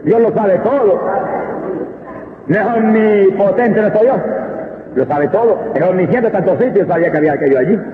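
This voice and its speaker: High-voiced fervent preacher, tinny echoing recording. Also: male voice, noisy background. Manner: impassioned, swings between slow drawn-out emphasis and quick bursts. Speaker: evangelist preacher. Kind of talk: fervent Pentecostal sermon. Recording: tinny lo-fi recording in a reverberant hall.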